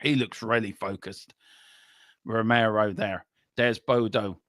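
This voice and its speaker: Excited man hosting a watchalong. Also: lowish voice, takes it slowly, no echo. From Ireland. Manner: animated, eager, chatty with frequent ums. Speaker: watchalong host. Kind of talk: excited live football watchalong commentary. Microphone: earpiece headset on a live stream.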